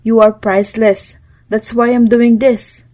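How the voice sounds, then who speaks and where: A woman voicing a calm, guarded young male kidnapper who speaks tersely and unhurriedly. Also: a little high, slow pace. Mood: cool.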